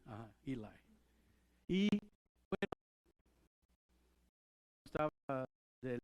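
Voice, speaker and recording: A man's voice: a little high, clear, resonant tone. Conversational male pastor. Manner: conversational, asks the congregation questions, chuckles. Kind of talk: sermon. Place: church.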